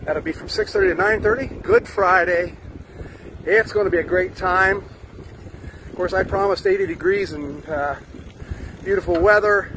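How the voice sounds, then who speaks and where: A man's voice: sits high, normal speed, long pauses. An older man chatting upbeat with many fillers, recording himself outdoors on a bike ride with a handheld phone. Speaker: musician vlogger. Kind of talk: casual vlog update. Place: outdoors on a sunny street, riding a bike. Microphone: phone camera held close. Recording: faint wind noise outdoors.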